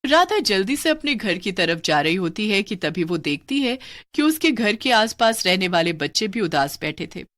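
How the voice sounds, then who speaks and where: A woman reading the scripted narration of an animated children's story in an even, measured way. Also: mid-range voice.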